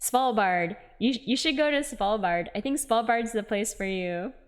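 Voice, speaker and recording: A woman's voice: a little high, expressive, moderate pace. A woman streamer chatting casually with viewers while playing a game, giggling often.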